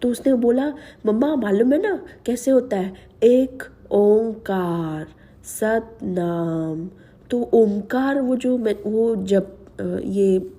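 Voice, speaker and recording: Woman host, devotional testimony, slow and earnest, dark husky voice, slight sore throat. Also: a little high. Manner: slow, earnest, mixes English words into Hindi. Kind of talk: personal testimony to a spiritual audience.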